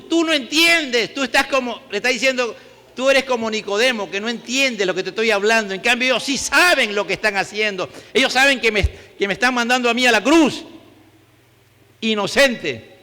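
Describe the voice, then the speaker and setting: A male pastor with a Peruvian accent preaching a fervent sermon, swinging from loud emphatic peaks to low prayer. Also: moderate pace. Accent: Peruvian Spanish. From Peru. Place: church hall. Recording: church hall with long reverb.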